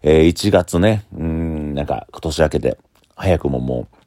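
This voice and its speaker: Deep gravelly Kansai bar owner. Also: male voice, measured pace, dark tone, no echo, clean studio sound. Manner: blunt, opinionated. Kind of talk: casual solo talk.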